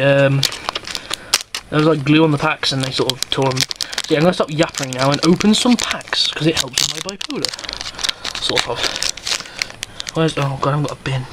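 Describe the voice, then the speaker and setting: Brief: guy, slightly higher voice, chatty and cheeky, unboxing vlog, faint hiss behind. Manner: rambling, chatty, cheeky and self-mocking. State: out of breath. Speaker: YouTuber. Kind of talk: casual unboxing commentary. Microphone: camera mic.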